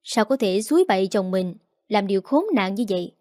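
A woman's voice: medium pitch, expressive, a little fast, a little mellow, dry recording, close to an everyday voice. Give me a woman playing a judgmental village busybody, accusing and scolding, in a dry sound. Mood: scornful. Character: gossiping village man, scornful and judgmental.

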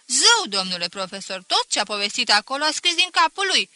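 A woman's voice: high voice, very animated, bright, forceful tone, dry recording, pitched above the performer's own voice, full character voice. A woman voicing an earnest schoolboy who insistently pleads with his teacher in an audiobook. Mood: pleading.

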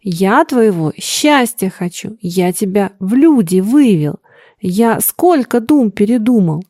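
A woman reading aloud, voicing an aging, ambitious father who swings from teasing to shrill, wounded outbursts. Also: expressive, takes it slowly, dark tone, no room sound, clean studio sound. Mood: insistent. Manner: emotional, by turns teasing and shrill.

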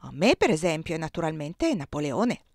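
A woman's voice: sits low, big pitch swings, moderate pace, no room sound, studio quality, voice pushed down, exaggerated voice. A woman reading aloud and voicing a smug, ironic man who teases and drinks cognac. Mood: sardonic. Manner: sardonic, teasing.

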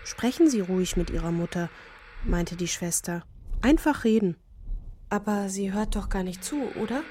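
A woman narrating as a grown daughter in a radio play, quiet, bitter and reflective as she addresses her mother. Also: mid-range voice, moderate pace, slight background noise, close to an everyday voice.

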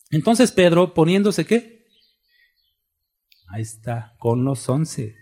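Husky man preaching. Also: on the high side, dark tone. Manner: conversational preaching, rhetorical questions to the congregation. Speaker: pastor. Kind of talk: sermon.

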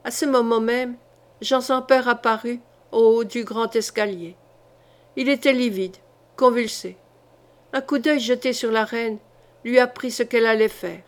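A woman's voice: a little high, fairly even intonation, a little slow. Woman narrating a historical novel. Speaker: audiobook reader. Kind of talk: literary audiobook narration.

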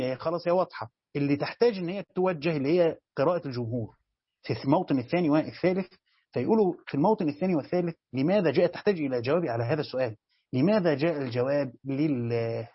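A man's voice: on the high side, husky, dry recording. A man with an Egyptian accent teaching Quran commentary in a colloquial lecture, posing questions and answering them himself. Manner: explanatory, asks and answers his own questions. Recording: dull, dry lo-fi recording.

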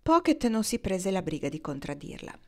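A woman reads a novel aloud in a steady, even narrating voice. She tells the story expressively, with a clear reading rhythm. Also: medium pitch, moderate pace. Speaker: audiobook reader.

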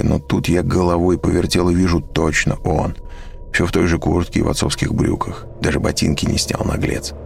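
A man narrating a story in first person, calm and wry. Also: very deep voice, vocal fry, slight background noise.

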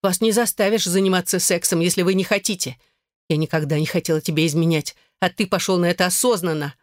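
A man reading an audiobook voices an angry young wife who shouts accusations at her husband. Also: sits high, steady tone, fast, dry recording, studio quality, close to an everyday voice. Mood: bitter.

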